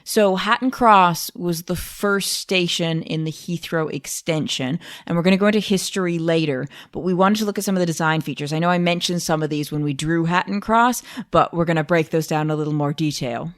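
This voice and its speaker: A woman's voice: lowish voice, brisk, hardly any pauses. A woman co-hosting a casual podcast, chatty and self-deprecating. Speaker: podcast co-host.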